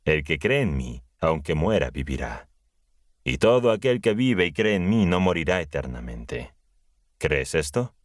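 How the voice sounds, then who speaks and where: Man narrator voicing Jesus: grave, measured, very low voice, dry read. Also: big pitch swings, dry recording, full character voice. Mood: solemn. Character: Jesus, a calm, authoritative grown man teacher. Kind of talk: scripted Bible audiobook reading.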